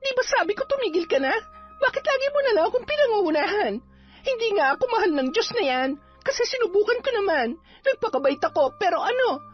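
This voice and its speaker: A woman plays a cornered young sorceress in an audio drama, her voice sitting very high and leaping all over as she snaps and scolds. The sound is dull and lo-fi, with faint music underneath. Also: big pitch swings, fast. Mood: angry, bitter. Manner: sharp-tongued, scolding, defiant. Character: bitter, hot-tempered young female sorceress on the run. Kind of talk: Filipino audio drama acting.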